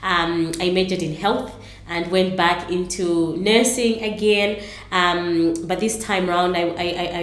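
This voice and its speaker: A middle-aged Zambian woman, an entrepreneur appearing as an interview guest, answers questions earnestly, with lots of ums and restarts. Her voice is on the low side and sounds reverberant.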